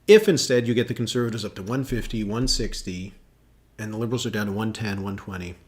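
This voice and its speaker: This man speaks fast in a low voice while hosting a live election analysis stream. As a political analyst, he chats loosely with lots of fillers, reasoning out loud and reacting to viewers.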